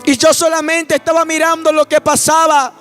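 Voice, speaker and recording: A man preaching a dramatic testimony, rising to shouts and speaking in tongues. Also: very high voice, flat delivery, moderate pace, soft background music.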